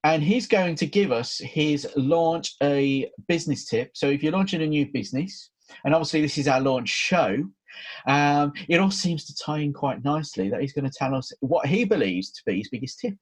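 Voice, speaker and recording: A man from Birmingham, England, with a Brummie accent co-hosts a podcast in a chatty, laid-back way, laughing easily and hesitating with plenty of fillers during casual chat. His voice is a little high and animated, with a breathy edge, at a moderate pace.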